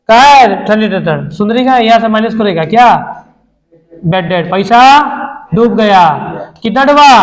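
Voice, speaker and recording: A man tutoring an accounts class, quizzing students and repeating the figures aloud. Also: sits high. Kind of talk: classroom lesson. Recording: echoey room.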